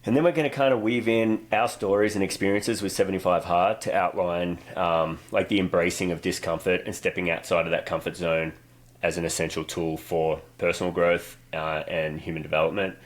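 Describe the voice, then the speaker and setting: A man's voice: deep voice, fairly even intonation, a little fast. A man co-hosting a faith podcast, reading an earnest episode summary with a few fillers. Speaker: podcast co-host.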